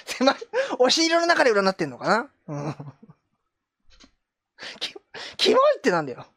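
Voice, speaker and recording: A woman's voice: a little high, big pitch swings, moderate pace, a bit bright, dry recording, studio quality. A woman streamer chatting casually with viewers, joking and teasing herself. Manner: joking, self-mocking, reacting to chat. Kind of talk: casual live chat.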